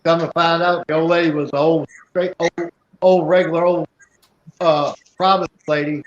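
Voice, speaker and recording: A man's voice: on the high side, level tone, moderate pace. Man on a cutting-out, echoey mic. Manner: rambling, repeats himself while telling a story. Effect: mic cutting out every few seconds, uneven volume. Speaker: remote chat guest. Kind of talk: casual chat, telling an anecdote. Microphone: remote mic, sitting far from it. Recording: echoey, dull remote mic with faint noise.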